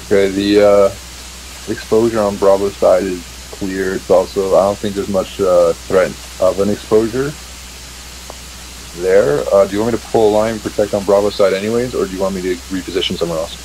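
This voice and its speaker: A man's voice: low voice, fairly even intonation, brisk, darkish tone, low-quality recording. A man speaking casual fire radio chatter as a truck firefighter in a role-play game. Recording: faint hiss behind voice.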